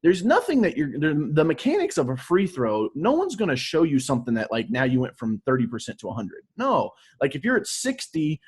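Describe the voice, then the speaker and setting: A man with a slightly husky voice explaining sales advice as an interview guest, informal and emphatic, with salty slang. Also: fairly high pitch, wildly swooping pitch, a little fast, hardly any pauses.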